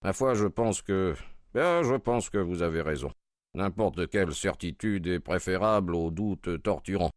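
A man voicing a calm detective in a read-aloud story, speaking in a measured, deliberate way. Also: sits low, dry recording, studio quality.

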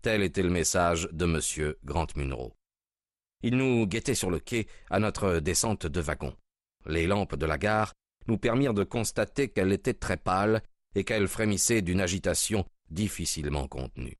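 A man narrating a story aloud in an even, measured reading voice. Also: sits low, no room sound, studio quality. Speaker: audiobook reader. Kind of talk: scripted narration.

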